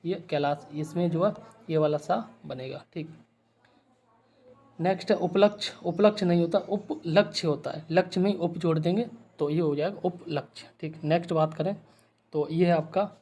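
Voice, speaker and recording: A man's voice: on the high side, a little mellow. A man teaching Hindi spelling, going word by word and checking in after each point. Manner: spells out letters slowly.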